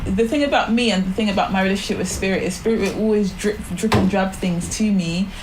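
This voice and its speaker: A woman's voice: medium pitch, fast, noisy background. Chatty woman podcast guest from Barbados. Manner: chatty, many "like" fillers, rambling. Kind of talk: casual spiritual chat.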